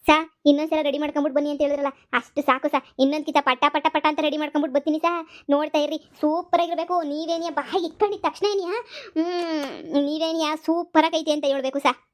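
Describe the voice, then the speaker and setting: A high-voiced village woman, played by a woman for a cartoon, begging and pleading as she sells homemade chutney powder. She tacks "sir" onto nearly every line. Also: fairly even intonation, quick pace, natural voice. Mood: grateful. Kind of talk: cartoon voice acting.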